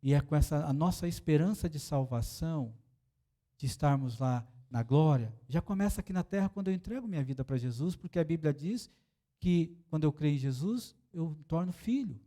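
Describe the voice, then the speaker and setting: A Brazilian pastor preaches in church with a Brazilian Portuguese accent, weaving a story into his sermon and acting out the dialogue. His voice is a little high, warm, animated, and fairly quick.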